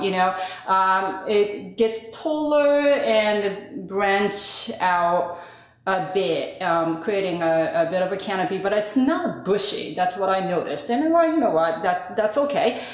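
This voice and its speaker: A woman host casually narrating a home gardening video in a conversational, hesitant way, in a very echoey room. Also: medium pitch. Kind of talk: casual narration of a plant update. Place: echoey indoor room with bare walls.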